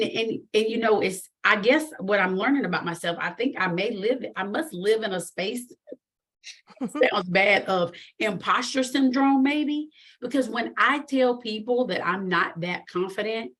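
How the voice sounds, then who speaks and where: A woman being coached, talking in a thoughtful, affirming way with soft murmured agreement. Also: mid-range voice. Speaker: coaching client. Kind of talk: coaching session.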